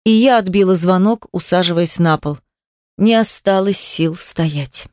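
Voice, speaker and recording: A woman reading a novel aloud in first person, in a steady, measured way. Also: on the low side, dry recording, clean studio sound. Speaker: audiobook reader.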